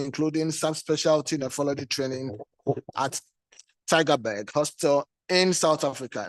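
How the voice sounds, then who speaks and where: A Ghanaian man chairing a session, giving a formal introduction in deliberate, halting phrases. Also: a little high, no room sound.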